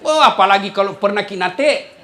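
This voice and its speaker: A middle-aged man with an Indonesian Makassar accent preaches a humorous sermon to a live audience, joking, chuckling often, and addressing listeners directly. His voice sits high with lively intonation and a bright, forceful tone at a moderate pace. There is slight background noise.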